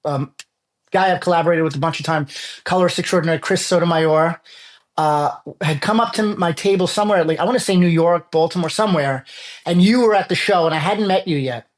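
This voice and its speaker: A guest on a casual chat tells his stories with energy and animation. His voice sits somewhat high for a man, and he is quick to act out the people he talks about. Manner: lively storyteller who acts out people in anecdotes. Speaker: guest comics artist.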